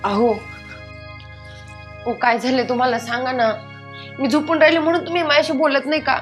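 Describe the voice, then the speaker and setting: A woman plays a young wife who begs over and over. Her voice is very high. Soft music runs faintly beneath. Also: fairly even intonation, normal speed, natural voice. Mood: pleading. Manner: pleading, begging. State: crying. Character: tearful pleading young wife. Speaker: actor. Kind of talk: web series drama acting.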